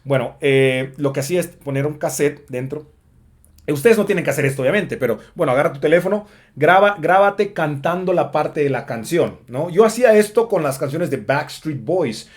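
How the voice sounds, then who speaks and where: A man's voice: on the high side, expressive, moderate pace. A man giving a casual spoken English lesson, chatty with lots of fillers. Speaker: English teacher.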